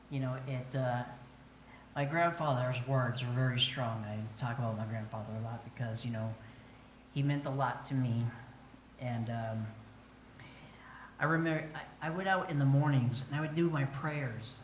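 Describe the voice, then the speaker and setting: A man's voice: mid-range voice, a little hiss or hum. Earnest middle-aged man in an echoey room. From northern Arizona, United States. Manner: earnest, halting, with many pauses and fillers. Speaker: Navajo flute musician telling his story. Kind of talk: personal storytelling to an audience.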